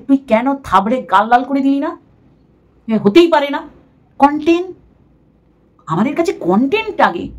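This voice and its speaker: A middle-aged woman, delivering a heated, confrontational vlog rant at a rival. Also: a little high. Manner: scolding, confrontational, addresses rival informally. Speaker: vlogger. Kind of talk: heated direct-address rant.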